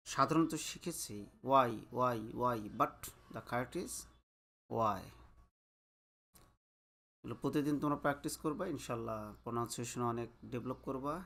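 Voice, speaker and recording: A man teaching English letter pronunciation, slowly drawing out each sound and slipping English phrases into his explanations. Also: medium pitch, a bit bright. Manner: slow, deliberate, drawn-out letter sounds. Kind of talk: pronunciation lesson.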